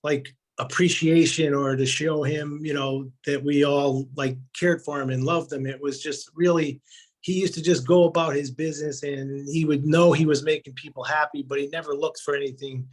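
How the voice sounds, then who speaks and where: A man sharing a fond memory in casual storytelling on a video call, animated and acting out his quotes. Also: fairly high pitch, moderate pace, low-quality recording. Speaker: community member sharing memories.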